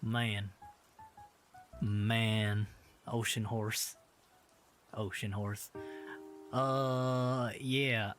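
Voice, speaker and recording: Over soft background music, this young streamer talks in a lowish, somewhat bright voice with a flat delivery, stretching his words and pausing often. He's studying Japanese words on a casual livestream through a streaming mic, hamming it up with a put-on Southern accent.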